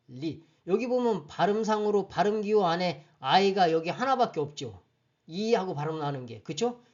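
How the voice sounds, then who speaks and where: Grammar teacher, online lecture, patient, explanatory, keeps checking understanding, middle pitch, muffled lo-fi sound. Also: a little mellow.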